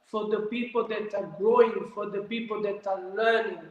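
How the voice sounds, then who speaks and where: A man with an Italian accent, a dancer talking haltingly in a live video-call interview and filling his pauses with "you know". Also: sits high, flat delivery, phone-quality sound. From Italy. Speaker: dancer guest. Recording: echoey room with long reverb.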